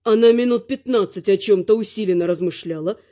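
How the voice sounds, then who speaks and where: A woman narrates a comic fantasy audiobook with a wry, ironic touch, in a middling pitch. The sound is dull and lo-fi. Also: brisk, dark tone. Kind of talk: first-person fantasy narration. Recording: muffled lo-fi recording.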